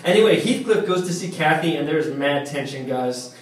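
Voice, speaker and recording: A man reading a comic, profane book report to a live audience at a bar, sarcastic and deadpan. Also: on the high side, normal speed. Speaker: reading host. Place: bar venue. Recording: echoey room from far off.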